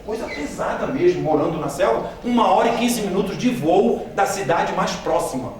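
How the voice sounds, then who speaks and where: High-voiced man preaching in an echoey hall. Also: big pitch swings, normal speed, darkish tone. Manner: jokey, addresses the audience directly with questions. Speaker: missionary speaker. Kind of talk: church training talk with humorous anecdotes. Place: large hall with a live audience. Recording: echoey hall from far off, audience audible.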